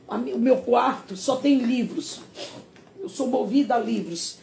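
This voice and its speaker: A woman's voice: on the high side, a little slow, gravelly, a little mellow, slight background noise. Tearful Sergipe woman on a live stream. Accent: Sergipe Brazilian Portuguese. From Sergipe, Brazil. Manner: tearful, confessional, pleading. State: crying. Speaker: singer. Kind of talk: emotional live stream monologue. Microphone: phone.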